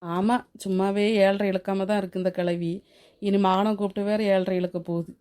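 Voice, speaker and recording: A woman voicing a sharp-tongued young daughter-in-law in a cartoon who mutters sarcastic asides. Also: mid-range voice, level tone, normal speed, clear, resonant tone, natural voice.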